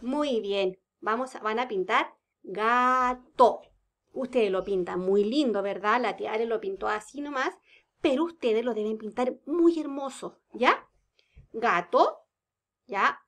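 Slow, high-voiced kindergarten teacher woman. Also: a bit bright. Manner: slow, sing-song, drawn-out words for small children. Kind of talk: lesson for young children.

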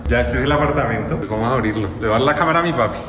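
A man, chatting excitedly to a handheld camera in a casual vlog. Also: mid-range voice, rapid-fire, a crowd in the background. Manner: upbeat, excitable, laughs often. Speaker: vlogger. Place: home office, then empty concrete apartment. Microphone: handheld camera at arm's length. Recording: echoey empty rooms with music.

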